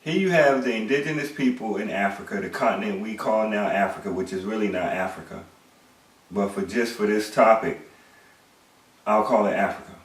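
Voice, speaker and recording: A middle-aged male commentator with a fairly low pitch speaks at normal speed. He delivers an emphatic monologue lecture full of rhetorical questions and repetition, far from the mic in an echoey space.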